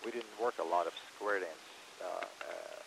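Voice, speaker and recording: Deep gravelly man with a Southern accent. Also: noisy background. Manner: halting, repeats words, many fillers. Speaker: interviewee, round dance teacher. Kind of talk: casual interview.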